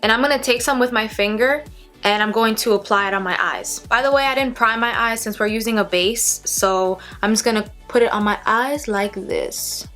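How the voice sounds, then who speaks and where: A woman's voice: fairly high pitch, moderate pace, sharp tone. Chatty woman giving a makeup tutorial. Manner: chatty, addresses viewers directly. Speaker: beauty vlogger. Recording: music playing behind the voice. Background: background music.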